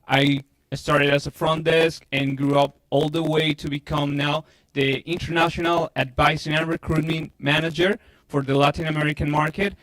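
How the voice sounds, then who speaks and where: A friendly man from Ecuador introduces himself as a recruitment manager. He talks with open enthusiasm, in a voice a little high for a man. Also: steady tone, normal speed, a bit bright, low-quality recording.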